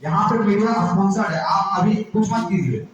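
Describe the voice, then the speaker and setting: A brisk-speaking activist from Jharkhand, India, a man with a high voice, keeps pressing rhetorical questions on a gathering. The recording is muffled, made from a distance in a very echoey room with a little background noise.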